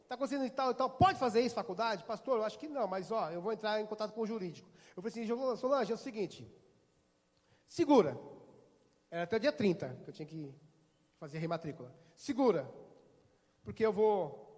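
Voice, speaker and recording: Brazilian male pastor, middle-aged, acts out dialogue in his sermon, long church reverb. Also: sits high. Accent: Brazilian Portuguese. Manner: storytelling, acting out dialogue. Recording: hall reverb.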